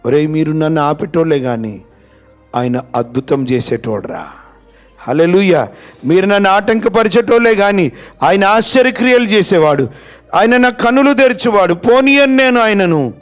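A man's voice: sits high, lively intonation, moderate pace, soft background music, pitched above the performer's own voice. A man preacher voicing a desperate blind beggar who refuses to be silenced. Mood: defiant.

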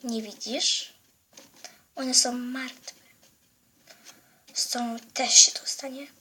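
A young female performer voicing a threatening female nightmare spirit in a whispered role-play, speaking slowly in a hushed voice. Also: a little high, fairly even intonation, husky, full character voice. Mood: menacing whisper.

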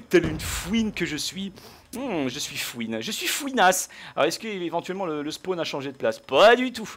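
A young man giving casual gameplay commentary, chatting to viewers and bursting into angry shouts when he loses. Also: sits high, moderate pace. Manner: excitable, bursts into rage shouts. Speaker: gaming YouTuber.

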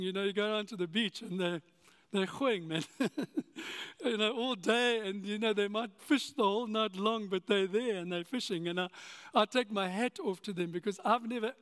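A man preaching a sermon as a pastor, telling stories with frequent chuckles and lively asides. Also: sits high, moderate pace, smooth. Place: church sanctuary. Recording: long church reverb.

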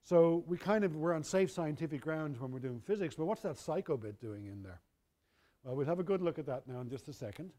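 Middle-aged male lecturer, slightly higher voice, dry humour, casual delivery with frequent self-corrections. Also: lively intonation, a little fast, warm tone. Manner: wry, conversational, self-correcting. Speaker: university lecturer. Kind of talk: university lecture.

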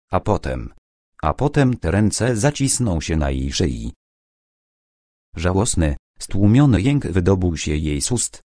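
Male narrator, deep, unhurried, dramatic crime reading, dry close mic. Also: warm tone, dry recording. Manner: measured, dramatic storytelling. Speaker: audiobook narrator. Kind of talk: scripted crime novel narration.

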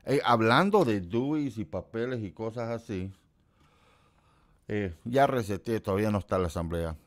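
A middle-aged man with a somewhat low voice talks casually to his livestream viewers. He rambles and teases the people in his chat. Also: lively intonation, normal speed. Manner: quotes people in a put-on high voice. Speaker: livestream host.

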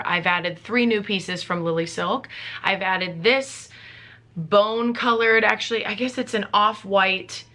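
A young woman beauty vlogger films from her living room in a mid-shot, chatting casually to the camera in sponsored vlog talk. She's sick, so her voice sits low, yet it comes out pushed and bright as she rattles off items in an upbeat, chatty way.

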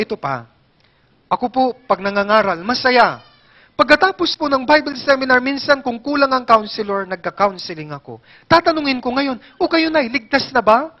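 Filipino male pastor preaching, lively and joking, very high pitch, muffled recording. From Philippines. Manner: animated, jokes with congregation, asks questions. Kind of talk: sermon. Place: church hall.

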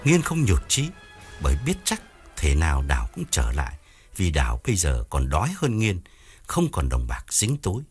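A man narrating a ghost story audiobook in an expressive, dramatic way, with soft music behind. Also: rumbling low, moderate pace.

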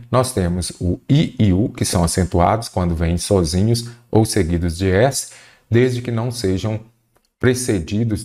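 A man's voice: low voice, darkish tone. A man teaching a Portuguese grammar lesson for an exam, explaining step by step and answering his own questions. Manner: stretches key terms slowly for emphasis.

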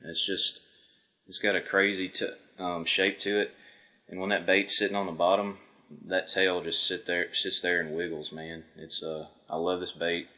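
Seated at a table before a backdrop, a fishing-video host in his thirties talks through products in a casual, matter-of-fact way. His deep voice comes across flat, pushed and bright, at a normal speed.

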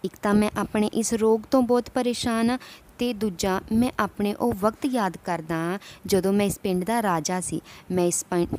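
A man's voice: sits high, darkish tone, close to an everyday voice. A woman voicing a weeping old male leper. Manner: pleading, sorrowful. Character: suffering male leper, once a village chief, weeping.

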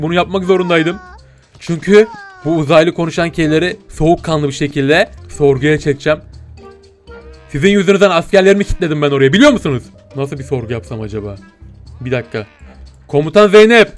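High-voiced man barking bossy orders. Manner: bossy, barks orders as a commander; quick, excitable, slangy. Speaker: gaming video host. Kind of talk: in-character game parody commentary.

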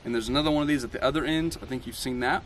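A Tennessee man in his thirties gives a casual how-to tour of the plumbing in his home build at a country site. He talks very fast at an ordinary middle pitch, explaining each part in turn in an easygoing way with lots of ums and uhs. Faint outdoor noise hums in the background.

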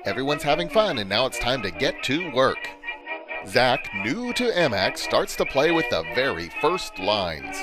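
A man's voice: mid-range voice, big pitch swings, unhurried, low-quality recording. A man narrating in the style of an old-time newsreel announcer, with a brassy, punchy delivery and period slang. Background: music playing under the voice.

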